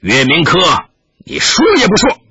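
A man voicing a fierce, menacing red-robed lama who shouts threats in a gruff, low voice, on a dull lo-fi recording. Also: sing-song, normal speed, no echo, exaggerated voice.

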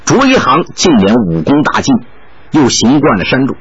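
A man narrating a martial-arts novel in expressive storyteller style. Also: medium pitch, normal speed, slightly rough, muffled recording. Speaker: audiobook narrator.

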